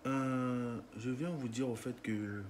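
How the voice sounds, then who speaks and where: Man, Cameroonian French accent, indignant vlog rant, repetitive, rhetorical questions, mid-pitched voice. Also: fairly even intonation, takes it slowly, slight background noise. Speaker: vlogger. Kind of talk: impassioned monologue to camera.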